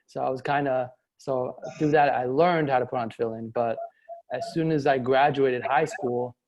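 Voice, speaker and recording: Flat-voiced man from Miami. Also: medium pitch, normal speed. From Miami, United States. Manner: hesitant, many fillers and restarts. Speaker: guest. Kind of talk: casual interview talk. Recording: muffled lo-fi call audio.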